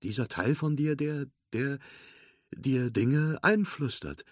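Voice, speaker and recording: A man's voice: mid-range voice, slow, dry recording, clean studio sound, pitched above the performer's own voice. A man voicing an anxious, loyal male cowboy toy in a storybook read-aloud, speaking earnestly and a bit flustered.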